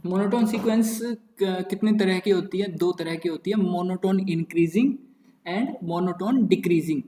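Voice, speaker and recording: High-voiced young man teaching maths. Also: a little slow, a little mellow. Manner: repetitive, playful, muttering asides. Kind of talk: casual Hindi-English lecture. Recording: echoey room.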